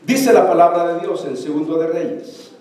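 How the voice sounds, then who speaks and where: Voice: medium pitch, lively intonation, normal speed, dark tone. A preacher retelling a scripture story in a sermon, often turning to the congregation with questions. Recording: echoey church hall from far off.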